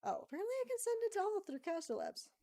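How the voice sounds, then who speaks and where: A woman streaming a card game, chatting casually, reading viewer comments aloud, thinking out loud and laughing often. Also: very high-pitched, very animated, fast. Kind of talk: casual live-stream chat while playing a card game.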